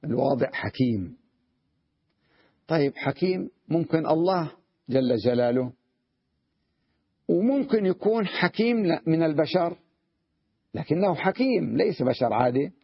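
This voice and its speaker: Husky man teaching Arabic grammar. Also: on the high side, lively intonation, dry recording, lo-fi sound. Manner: explains patiently, checks understanding with repeated questions; sounds out wrong word forms slowly to contrast them. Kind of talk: classroom grammar lesson.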